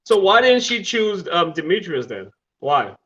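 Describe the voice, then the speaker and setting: A man with a high, bright voice argues his case in casual podcast chat, insistent and teasing. The sound is a little dull and lo-fi. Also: very animated, unhurried. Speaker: podcast co-host.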